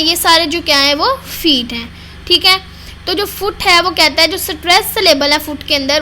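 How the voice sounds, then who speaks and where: A woman lectures on poetry with a very high voice. She explains in a steady classroom manner and drops to a slow, careful pace whenever she reads out a definition. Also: a little hiss or hum. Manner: mixes Hindi explanation with slowly dictated English definitions. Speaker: teacher. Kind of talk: recorded literature lecture.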